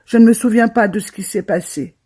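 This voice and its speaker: A young woman narrating a first-person horror storytime, with a dramatic and lively delivery. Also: medium pitch, brisk, husky. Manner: dramatic, lively retelling with quoted voices.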